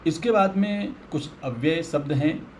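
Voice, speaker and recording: A man's voice: a little high, expressive, measured pace, darkish tone, a little hiss or hum. A man teaching a Sanskrit grammar lesson, patiently explaining with everyday examples.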